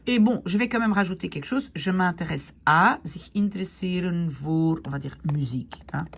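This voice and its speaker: A woman teaching a grammar lesson step by step, checking in often with her students, slowing down to spell out words and giving encouragement. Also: fairly low pitch, gravelly, slight background noise. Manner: slows down to spell out Dutch words. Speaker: Dutch teacher.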